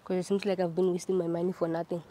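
A woman's voice: lowish voice, little pitch movement, racing, mellow. A South African woman insistently demanding that a man repay the money she lent him. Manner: insistent, repeatedly pressing questions.

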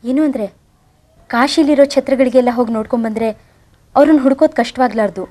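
Lalitha, earnest pleading wife. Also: female voice, high voice, fast, warm tone. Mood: wistful. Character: devoted young wife pleading with her husband. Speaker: wife searching for her in-laws. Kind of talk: TV serial acting.

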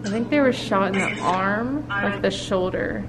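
A young woman vlogging casually at night, musing in a hushed, conversational way on a handheld camera. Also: medium pitch, unhurried. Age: young adult. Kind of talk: casual night vlog of a ghost hunt. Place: inside and outside an old hotel at night. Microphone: handheld camera at arm's length. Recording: noisy handheld camera, background hum.

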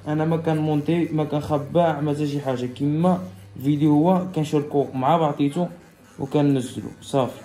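Speaking directly to his audience from a barbershop, a man with a Moroccan accent explains each stage of a haircut and then repeats it. His voice is on the high side, mellow and fairly even, a little quick, and the space is reverberant.

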